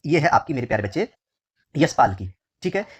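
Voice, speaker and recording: A husky, slightly high male voice with big pitch swings leads an exam question walkthrough lesson. He's a Hindi exam teacher from India who repeats phrases slowly, refers to his pupils as dear children, and drops his voice whenever he reaches an answer word.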